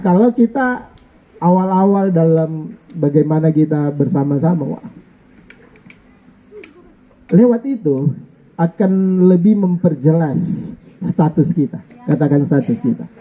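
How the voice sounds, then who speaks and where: A man's voice: on the high side, narrow, tinny audio. A middle-aged male pastor, preaching a jokey, playful sermon and calling for amens. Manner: jokey, playful, asks congregation for amen. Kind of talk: lively sermon. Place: church.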